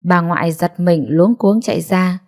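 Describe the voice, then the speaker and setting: A woman narrating a family drama in a steady, measured storytelling voice. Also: on the low side.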